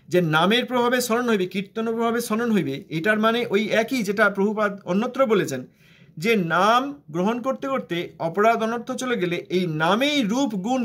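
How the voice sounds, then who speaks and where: A man's voice: high voice, fairly bright tone. A man with a Bengali accent giving a devotional discourse, explaining scripture and asking rhetorical questions. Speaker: religious teacher.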